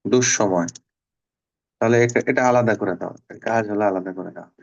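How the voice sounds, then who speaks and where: A man teaching a Bangla class online. He is patient and repeats words slowly to drill pronunciation. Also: fairly low pitch, vocal fry, highs cut off.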